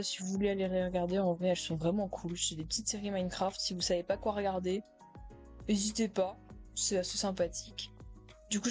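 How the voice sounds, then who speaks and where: A teenage girl in high school, casually reacting to her own old comments, self-mocking, with many fillers and laughs. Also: a little mellow. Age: teens.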